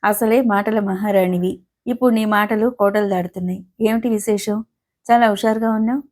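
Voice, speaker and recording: A woman voicing a calm, witty, affectionate elder-sister figure who speaks softly and teases gently. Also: mid-range voice, normal speed, lightly acted. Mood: gentle teasing. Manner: soft, gently teasing.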